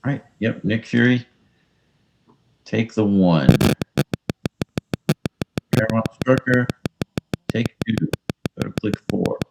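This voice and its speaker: A man's voice: fairly low pitch, takes it slowly, creaky, pauses often, background noise. A man playing a tabletop miniatures game, calling out his moves in casual chat and joking to his pieces.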